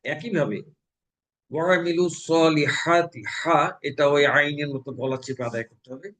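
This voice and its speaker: A man from Bangladesh teaching Quran recitation, explaining pronunciation rules and slowly chanting example verses. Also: on the high side, fairly bright tone, low-quality recording. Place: mosque.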